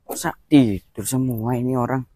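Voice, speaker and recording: A man in a village drama, calming and placating an angry elder. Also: mid-range voice, normal speed, noisy background. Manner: soothing, placating, chatty. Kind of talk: amateur village drama acting.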